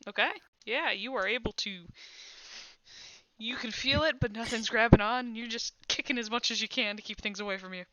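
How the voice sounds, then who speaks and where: A woman's voice: on the high side, normal speed, a bit bright, dull audio, a little hiss or hum. A woman narrating as game master of a tabletop game, describing scenes with many "uh"s. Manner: descriptive, filler-heavy with frequent "uh".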